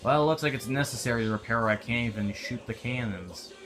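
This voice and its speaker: A man's voice: medium pitch, fast, a bit bright, faint music behind. A young man giving casual, offhand commentary while playing a war video game. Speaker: gameplay commentator. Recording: noisy game audio behind.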